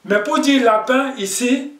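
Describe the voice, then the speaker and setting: A patient male teacher with a fairly high voice, talking slowly through a vocabulary lesson and checking in often. He is picked up from across an echoey room. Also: fairly bright tone, a little hiss or hum. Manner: patient, repeats words and checks with "ok?". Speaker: language teacher. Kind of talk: classroom language lesson. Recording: echoey room, distant mic.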